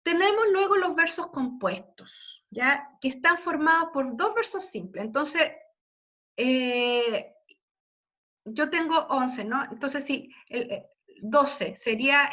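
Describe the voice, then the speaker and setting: A woman's voice: sits high, expressive, slow, fairly bright tone, highs cut off. A woman giving an online literature class, patiently explaining and counting syllables aloud with frequent tag questions. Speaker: literature teacher.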